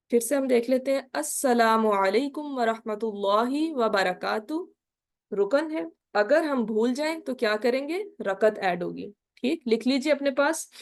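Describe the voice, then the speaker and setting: High-voiced woman teaching prayer rules. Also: darkish tone. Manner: quizzing listeners with repeated "ٹھیک ہے؟" checks; slow, careful Arabic recitation of the salutation. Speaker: Islamic studies teacher. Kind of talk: online lecture on prayer.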